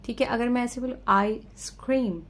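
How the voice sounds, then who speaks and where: A woman teacher explaining a lesson step by step, checking in often and reading out definitions slowly. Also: a little high, a little mellow. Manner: reads English definitions slowly and carefully. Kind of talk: exam-prep lesson.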